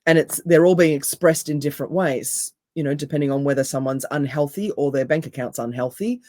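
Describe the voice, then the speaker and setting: A woman with a deep, raspy voice and an Australian accent talks as a coach in a podcast interview. She speaks with emphasis and fires off punchy rhetorical questions. Her tone is mellow and warm, and the recording is dry and close. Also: brisk, no room sound. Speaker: NLP coach and hypnotherapist, guest.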